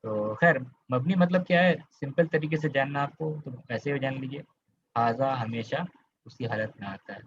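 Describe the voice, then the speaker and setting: A man's voice: medium pitch, moderate pace, dull audio, a little hiss or hum. A man from Kolkata teaching Arabic grammar in an online class, explaining step by step, quizzing his students and checking in with them often. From Kolkata, India.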